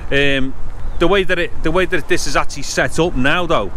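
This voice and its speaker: A man's voice: a little high, normal speed, pushed and bright. A man chatting casually and thinking aloud as he tests microphones outdoors, with wind on the mic. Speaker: vlogger testing microphones. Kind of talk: casual unscripted gear-test chat. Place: outdoors between blocks of flats. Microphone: action camera internal and external mics.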